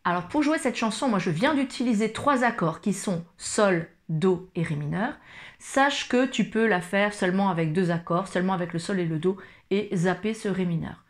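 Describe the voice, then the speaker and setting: A woman's voice: mid-range voice, moderate pace. A woman who teaches school explains guitar chords step by step, speaking informally and patiently to the viewer. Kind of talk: guitar tutorial. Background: acoustic guitar playing.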